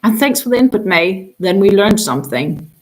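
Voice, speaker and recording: This woman runs a crochet livestream and chats away casually, her first language Danish. Worn out from a long day, she says um often and trails off before restarting, in a medium-pitched voice with lively intonation at a moderate pace, captured on a rough recording.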